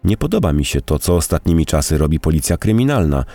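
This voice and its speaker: A man voicing a polite, cautious young gentleman who picks his words carefully. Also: very deep voice, very animated, fast talker, creaky, no room sound, full character voice. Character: smooth, cautious young man, gallant and evasive.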